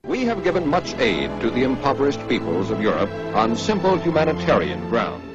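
A man's voice booms out of an old 1940s newsreel, proud and proclaiming, his pitch swooping wildly up and down. The sound is dull and lo-fi, like worn archive film. A loud music score plays right under him. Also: huge pitch swings, brisk. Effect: old 1940s newsreel playback.

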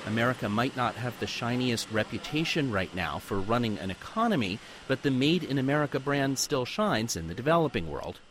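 A male radio reporter reads a scripted news piece. His voice is mid-pitched with a lively, rising and falling tone, and a faint room ambience sits behind it. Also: a little fast, noisy background. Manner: lively, polished delivery.

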